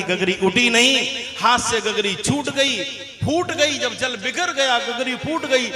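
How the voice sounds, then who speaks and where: A male preacher, telling a devotional story in an emotive, melodic style full of exclamations. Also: extremely high pitch. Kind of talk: devotional katha sermon. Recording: echoey hall with music.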